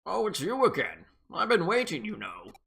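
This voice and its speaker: A man voicing an impatient older man in a game, talking gruffly and a little higher than his own voice. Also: wildly swooping pitch, moderate pace, a bit bright, full character voice. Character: impatient old man detective client.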